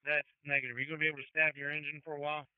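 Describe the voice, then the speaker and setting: A man's voice: on the high side, level tone, rapid-fire, smooth, no echo. A man giving terse, procedural orders as an incident commander over a crackly, military-style emergency radio. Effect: crackly two-way radio. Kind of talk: emergency radio dispatch traffic. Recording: phone-like crackly fire radio scanner audio.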